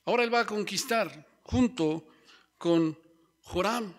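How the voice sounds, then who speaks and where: Preaching a Bible sermon in a high voice at a measured pace, a man addresses his listeners as brothers. He keeps tagging his lines with rhetorical questions.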